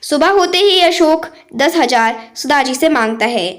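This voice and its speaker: A woman narrating a family moral story in a steady, plain way. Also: high-pitched, a little slow.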